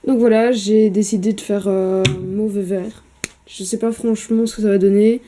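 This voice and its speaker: Woman painting minis at home, deep mellow voice, lots of umms, swears a bit, camera mic. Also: fairly even intonation, moderate pace, a little hiss or hum. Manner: hesitant, many fillers, chatty, swears casually. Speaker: miniature painter. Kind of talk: casual painting vlog.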